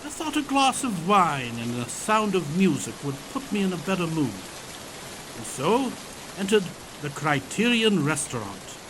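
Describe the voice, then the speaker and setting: Actor as animated, old-fashioned Doctor Watson. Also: male voice, sits high, a little slow, noisy background. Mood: reminiscing. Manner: courtly, old-fashioned turns of phrase. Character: genial elderly Doctor Watson reminiscing, Victorian English gentleman. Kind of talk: audio theatre storytelling.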